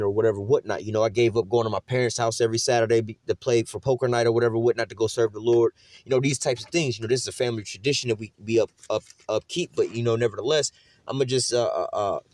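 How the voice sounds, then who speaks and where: Middle-aged man, loose street-style preacher, talks fast, dry close sound. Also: mid-range voice, darkish tone, no echo. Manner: rambling, full of fillers and slang. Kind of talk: informal preaching.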